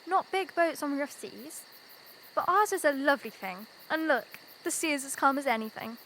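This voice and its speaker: A woman's voice: sits high, normal speed, fairly bright tone, slight background noise, low-quality recording. A young actress playing a haughty, dismissive twin girl in an audio play. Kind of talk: youth theatre audio play.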